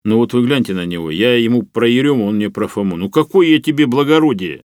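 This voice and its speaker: A man's voice: mid-range voice, lively intonation, fast, a little mellow, no room sound, clean studio sound, voice pushed up, lightly acted. A man voicing a blunt, exasperated young fellow who talks in a colloquial, emphatic way.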